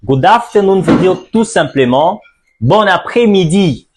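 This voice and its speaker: Slow, high-voiced male language teacher. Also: animated, husky. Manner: slow, drawn-out repetition drills with emphatic stress. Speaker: English teacher. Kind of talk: classroom-style language lesson.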